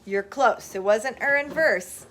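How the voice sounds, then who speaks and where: High-voiced woman teaching phonics in a classroom, brisk, reads poems slow and singsong, faint hiss. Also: fairly bright tone. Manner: brisk, reads poetry slowly with a lilt.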